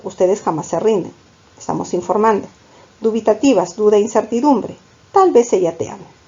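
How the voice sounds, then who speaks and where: With a medium-pitched, dark voice carrying a breathy edge, a woman teaching a grammar class speaks with a Peruvian Spanish accent, and the audio has its highs cut off. Addressing the students as "chicos," she poses questions and answers them herself in this classroom lecture.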